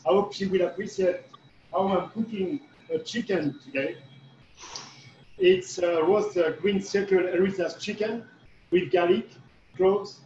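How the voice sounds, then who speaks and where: A man's voice: high voice, unhurried, a little mellow, roomy sound, lo-fi sound, slight background noise. A man, a chef giving a prepared video message with some hesitations.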